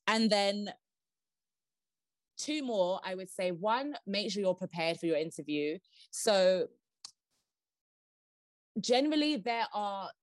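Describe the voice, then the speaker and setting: A woman guest on a podcast giving interview tips, who says she talks fast and laughs now and then. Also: on the low side, no echo. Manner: fast-talking, laughs often.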